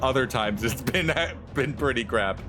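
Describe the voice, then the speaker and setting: A man's voice: medium pitch, unhurried. A young man giving casual gameplay commentary as a streamer, rambling with lots of fillers. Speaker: streamer playing a game. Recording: commentary over loud game music.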